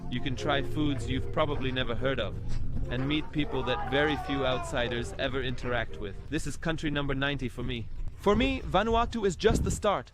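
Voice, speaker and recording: A man's voice: mid-range voice, a little fast, few pauses, over music. A man narrating his travel vlog in an upbeat, chatty storytelling way. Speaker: travel vlogger.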